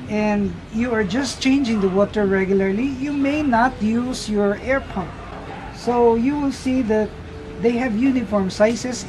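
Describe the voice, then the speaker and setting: A man's voice: very high voice, noisy background. A middle-aged man from the Philippines, explaining fish breeding to viewers in a casual vlog at an outdoor fish farm. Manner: explanatory, addresses viewers as guys. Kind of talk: casual walk-through vlog narration.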